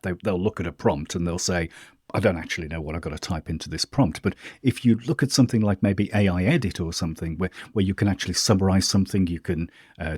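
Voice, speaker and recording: A man hosting a casual question-and-answer video, chatting informally and thinking aloud while he demonstrates software. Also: deep voice, husky, no room sound, clean studio sound. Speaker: host answering viewer questions. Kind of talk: casual screen-share walkthrough.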